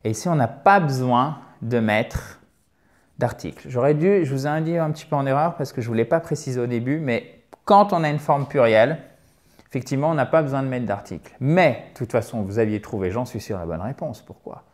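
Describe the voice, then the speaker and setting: A French man teaching English pronunciation on camera in a lively, emphatic way, drilling words by repeating them. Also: medium pitch, brisk. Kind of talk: video lesson. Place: indoor filming set with a spotlight. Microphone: camera mic, moves around in frame.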